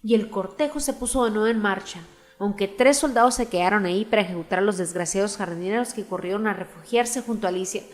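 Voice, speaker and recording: A woman narrating a storybook aloud in a measured, expressive reading. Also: medium pitch, long reverb tail, faint music behind. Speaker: audiobook narrator.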